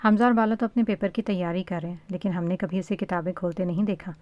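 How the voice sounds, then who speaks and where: Woman reading as a brisk, chiding sister-in-law. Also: fairly low pitch, steady tone, no room sound, muffled recording, close to an everyday voice. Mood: disapproving. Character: bossy older sister-in-law, kind but blunt. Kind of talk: storybook reading.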